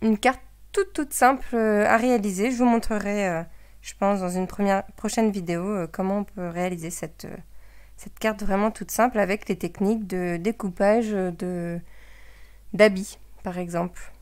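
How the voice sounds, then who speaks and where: A woman's voice: medium pitch, fairly even intonation, normal speed, a little mellow. Woman, craft product demonstrator, casual and hesitant, lots of fillers, addresses viewers directly. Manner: hesitant, many filler sounds and restarts.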